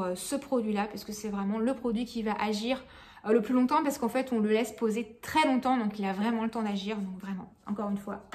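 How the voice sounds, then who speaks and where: A woman chatting casually about beauty products she has used up, full of fillers, restarts and frank remarks. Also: fairly high pitch. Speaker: beauty vlogger.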